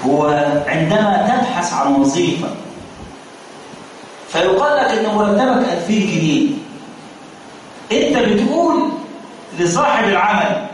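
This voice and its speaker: A man's voice: high-pitched, animated, normal speed, pauses often. An Egyptian man preaching a sermon, firing rhetorical repeated questions and mixing formal and colloquial speech. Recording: very echoey, distant mic, faint noise.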